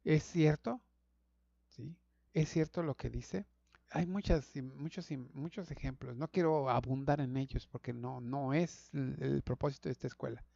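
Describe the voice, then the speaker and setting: A middle-aged pastor teaching a Sabbath school lesson to an online audience, talking conversationally, repeating words and calling listeners brothers. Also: male voice, mid-range voice, moderate pace, vocal fry, warm tone, no echo, dull audio.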